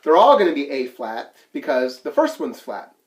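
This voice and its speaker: A man walks young flute players through a method book, naming each marking and counting beats out loud. His voice sits in a middle range and moves up and down a lot as he speaks. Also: medium pitch, huge pitch swings, normal speed, highs cut off. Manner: counts beats aloud and explains terms plainly. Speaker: band teacher. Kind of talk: flute lesson walkthrough.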